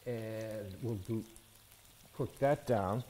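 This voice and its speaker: Mellow-voiced chef teaching a cooking lesson. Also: male voice, fairly low pitch, very slow, a little hiss or hum, rough recording. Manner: explanatory, checks in with "okay?" and "all right?". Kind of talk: cooking demonstration. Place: studio kitchen set, indoors.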